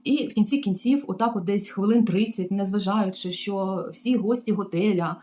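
A woman's voice: medium pitch, moderate pace, slight background noise. Chatty Ukrainian woman telling a story. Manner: animated, chatty, with frequent fillers and asides to viewers. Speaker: vlogger recounting her job as a hotel maid. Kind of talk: casual storytelling vlog.

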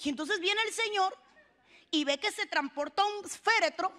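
High, bright-voiced woman preaching. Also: moderate pace, a faint crowd. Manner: preaches with rising fervor, calls the congregation to repeat. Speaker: pastor. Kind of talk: sermon.

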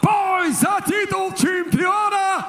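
A man working as a ring announcer, delivering a booming stage introduction for a fight in a large arena. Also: steady tone, some chatter behind. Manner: booming stage introduction with drawn-out shouted names and rapid-fire stats. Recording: echoey arena PA, some background noise.

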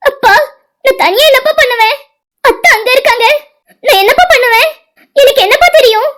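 A tearful young daughter in a homemade cartoon, pleading in a very high, squeaky voice with a lilt. She clings and frets with every word. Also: expressive, fast. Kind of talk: cartoon voice acting.

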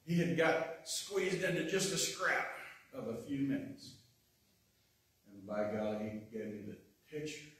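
A man's voice: medium pitch, unhurried, a bit bright. A man giving a folksy, self-deprecating lay sermon with frequent chuckles in a church. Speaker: lay speaker. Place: church sanctuary. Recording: echoey church from far off.

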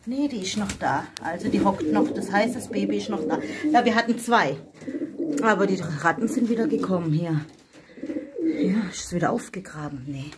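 A woman chatting casually through a vlog as she tends her animals in a farm shed, often cooing softly to them. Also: medium pitch, lively intonation, normal speed, heavy background noise. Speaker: vlogger.

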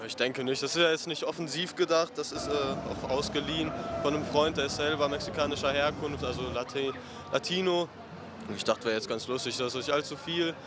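Young man, relaxed street interview. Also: on the high side, a little fast, very noisy. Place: outdoors on a city street. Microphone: handheld interviewer mic.

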